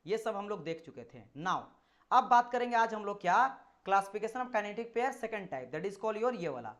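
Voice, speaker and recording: With a high, expressive and fairly bright voice, slightly slow, a male tutor teaches an engineering exam class. He goes over each point repeatedly, poses rhetorical questions to check in, and demonstrates with whatever objects are at hand, slipping in English technical terms.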